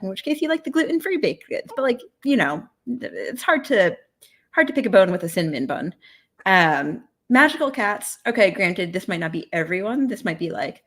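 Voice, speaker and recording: A woman's voice: on the low side, fairly bright tone. Chatty woman author, casual and self-deprecating. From United States. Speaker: author guest. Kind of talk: casual livestream interview chat.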